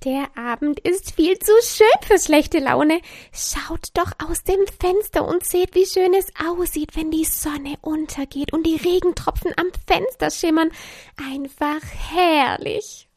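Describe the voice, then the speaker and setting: A woman's voice: very high-pitched, takes it slowly, a little mellow, dry recording, clean studio sound, pitched above the performer's own voice, full character voice. A woman voicing a cheerful, confident little creature of joy in a bedtime story, talking enthusiastically. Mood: enthusiastic. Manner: enthusiastic, speech-giving.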